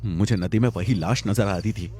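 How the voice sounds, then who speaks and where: A man's voice: lowish voice, normal speed, dark tone, faint music behind, close to an everyday voice. A man voicing Vicky, a terrified young man alone at home at night, pleading with his friend in a trembling, panicky way in a Hindi audio story.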